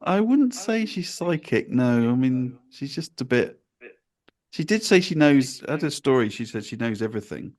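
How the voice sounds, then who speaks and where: A man's voice: mid-range voice, big pitch swings, moderate pace. A man co-hosting a podcast in casual banter, rambling and restarting his sentences with chuckles. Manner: rambling, self-interrupting, chuckling. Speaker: podcast co-host.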